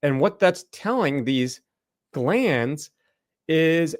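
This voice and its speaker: A man's voice: fairly high pitch, animated, extremely slow, no room sound, studio quality. A middle-aged man, a naturopathic doctor, explaining a slide presentation in a loose conversational way, with lots of fillers and restarts.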